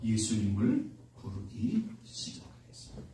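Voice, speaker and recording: A male pastor preaching a sermon with passion. He swings between shouting and hushed asides, and asks the congregation questions before answering them himself. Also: lowish voice, sing-song, takes it slowly. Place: church sanctuary. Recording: roomy echo, distant mic, faint hiss.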